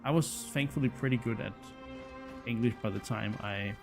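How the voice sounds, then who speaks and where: This thirty-something native Danish speaker, with a Danish accent, streams a game and chats casually with his audience, often hesitating and repeating himself. His medium-pitched voice is gravelly and moderately paced, heard over music.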